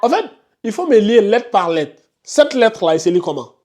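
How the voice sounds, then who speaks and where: A man's voice: high voice, sing-song, brisk, darkish tone. A man teaching a live tajwid class, questioning students by name and insisting they concentrate. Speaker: Quran recitation teacher.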